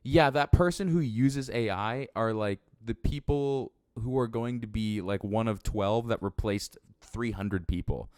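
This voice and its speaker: A man's voice: fairly low pitch, measured pace, hardly any pauses, darkish tone, clean tone, no echo, clean studio sound. A man talking casually and unscripted, in a blunt, self-deprecating way with frequent swearing, recorded in a sparsely furnished room. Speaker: first-time solo podcaster or vlogger. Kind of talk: unscripted casual rambling monologue.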